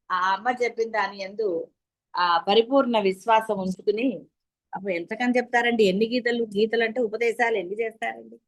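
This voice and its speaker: Woman spiritual teacher, Telugu accent, high voice, questioning devotional lecture. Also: low-quality recording. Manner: rhetorical questions to listeners. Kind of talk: devotional discourse.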